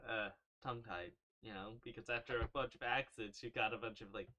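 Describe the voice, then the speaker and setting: A man's voice: on the low side, brisk. A man streaming a story game, reading the text aloud and commenting casually, often laughing and correcting himself. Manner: animated, laughing, swearing, self-correcting.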